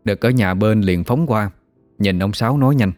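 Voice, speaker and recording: A man, narrating a ghost story in a steady, measured way. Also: lowish voice, no room sound, faint music behind.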